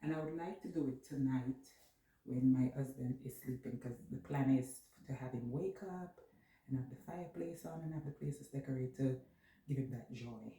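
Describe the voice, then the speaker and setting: A woman's voice: very deep voice, moderate pace, warm tone. A woman chatting casually to viewers as she vlogs a home decor haul, rambling and talking to herself while busy. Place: echoey room at home, indoors. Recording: very echoey room, distant mic, noisy.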